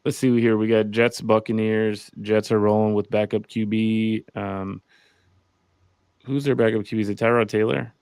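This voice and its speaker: A man's voice: on the low side, level tone, normal speed, vocal fry, darkish tone, clear, resonant tone, no echo. A man hosting a casual sports podcast chat, rambling and jokey as he leads the rundown. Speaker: podcast host. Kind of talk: casual fantasy football chat.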